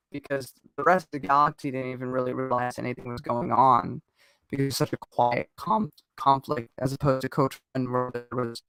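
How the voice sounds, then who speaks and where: A man's voice: medium pitch, fairly bright tone, clean tone, rough recording. A man in casual chat as host of a fan discussion show, talking at length with frequent restarts and digressions.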